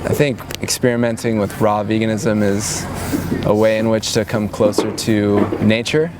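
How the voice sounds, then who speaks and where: Outdoors at a big gathering, with traffic and other outside noise coming through clearly, a man in his 20s who organizes retreats muses through a personal interview. His low, flat delivery is slow and unhurried, full of pauses and restarts, and his tone is reflective.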